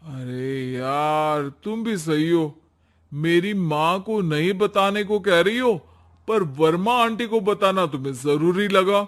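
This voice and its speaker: Young cartoon husband, slightly high voice, slow, reassuring. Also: male voice. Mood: defensive. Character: young husband, easygoing and loyal to mother. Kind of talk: cartoon voice acting.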